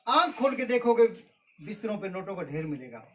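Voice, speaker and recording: A man's voice: sits high, big pitch swings, a little fast, fairly bright tone. Man, kids party magician, playful teasing patter, questions to children, far from the mic, noisy recording. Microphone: far from the mouth. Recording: distant mic, noisy with clicks and birds.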